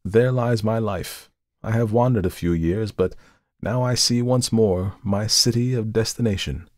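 A man's voice: lowish voice, unhurried, darkish tone, no echo, studio quality, lightly acted. A man voicing a desperate male murderer who pleads his case in an impassioned, emphatic way, in a dramatic audiobook reading. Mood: reflective.

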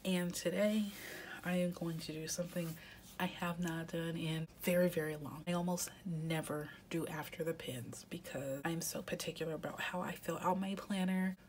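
A planner vlogger with a head cold chats casually at home while filling out her weekly planner, sounding congested and often half-whispering. Her voice is on the low side and a little mellow, with fairly even intonation and a moderate pace. There's slight background noise.

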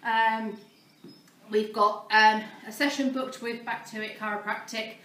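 A woman's voice: fairly high pitch, level tone, unhurried, fairly bright tone, roomy sound, far from the mic, poor audio. A woman filming a casual vlog about starting to exercise, a little out of breath and self-deprecating, with many ums. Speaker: vlogger documenting a fitness start. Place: barn, indoors.

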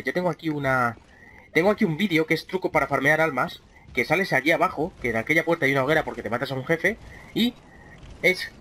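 A man's voice: mid-range voice, sharp tone, a little hiss or hum. A man with a Spain Spanish accent giving casual let's play commentary, chatting freely with his viewers and swearing often. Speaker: gaming channel host.

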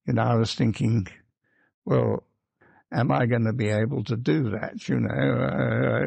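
An elderly man recalls his flying days in a slow, gravelly voice with a husky edge. He rambles fondly, circling back with little asides. The sound is close and dry. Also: medium pitch, darkish tone, no room sound. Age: older. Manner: chatty, rambling, fond of "you see" and "actually". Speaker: wartime flying boat pilot recalling service. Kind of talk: reminiscing interview.

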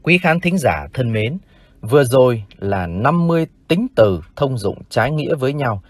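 A man with a Vietnamese accent teaching English vocabulary in a formal, slow lesson style, repeating each word for practice. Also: mid-range voice, big pitch swings, no room sound, clean studio sound. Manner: formal, addresses "dear viewers", repeats words slowly for practice.

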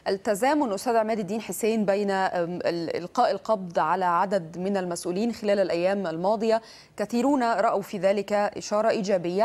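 A woman's voice: medium pitch, darkish tone. A woman presenting the news who introduces guests and asks formal questions. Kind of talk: studio news interview.

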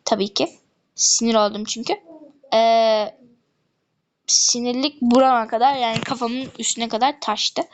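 A high-voiced woman chats casually over her gameplay. She talks to her viewers in a chatty, gossipy way and keeps drifting into complaining asides. Her voice sits well above the usual range. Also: steady tone, measured pace, long pauses, slight background noise. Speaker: gaming YouTuber.

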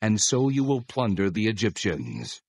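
A man's voice: lowish voice, sing-song, normal speed, a little mellow, husky, dry recording, clean studio sound. An actor playing God as a solemn, commanding male deity in a dramatized scripture reading.

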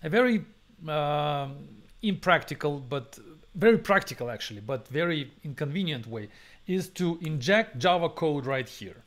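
A man's voice: on the high side, expressive, normal speed, a bit bright. A man hosting a programming webinar, thinking aloud through a live coding demo with many fillers, restarts and non-native phrasing. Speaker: webinar host and programming instructor.

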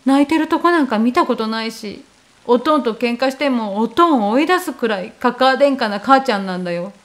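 A woman with a high, light voice reads a first-person ghost story. She keeps it conversational and relaxed, as if she were telling it to a friend. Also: brisk.

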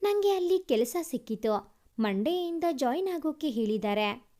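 A woman voicing a young working woman who talks briskly to her brother. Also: high voice, animated, mellow. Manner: brisk, a bit impatient.

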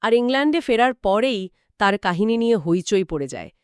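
A woman's voice: medium pitch, very animated, brisk, clean tone, dry recording, studio quality. A woman co-hosting a scripted history conversation, filling in story details and reacting with brief agreement. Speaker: co-host. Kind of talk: scripted two-host history chat.

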